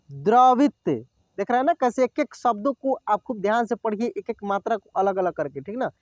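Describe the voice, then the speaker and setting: A man teaching a Hindi reading lesson, saying each word slowly and clearly, then repeating it, and often checking with his viewers. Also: extremely high pitch, no echo, dull audio. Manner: addresses viewers as friends, checks with "okay?". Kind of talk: slow classroom reading lesson.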